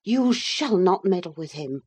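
A woman's voice: lowish voice, expressive, a little slow, breathy edge. A woman voicing an indignant housekeeper protecting a child, her speech raised and urgent. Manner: pleading, raised and sharp. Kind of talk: audiobook character reading.

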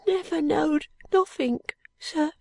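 A dying ragged street boy, weak and breathless, his voice high and thin, as a woman puts him on. He drags out each word slowly in dialect and fades into faint whispers. The recording is close and dry. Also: creaky, no room sound, exaggerated voice. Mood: feeble.

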